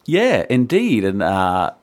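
A man's voice: fairly low pitch, huge pitch swings, takes it slowly. A man talking as a media journalist in casual chat, telling gossip in a knowing way.

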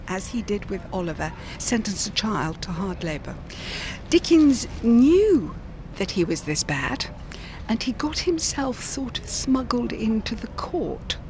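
A woman's voice: medium pitch, a little mellow, slight background noise. A woman speaking as a tour guide, explaining history in a knowledgeable, wry, casual way outdoors. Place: outdoors on a city street.

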